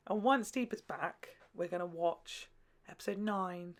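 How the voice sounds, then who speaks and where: A young British man with a high voice hosts a reaction video, chatting casually and unhurriedly in a slangy, playful, emphatic way. He's indoors in a small furnished room at home, speaking into a large desktop microphone set between two speakers.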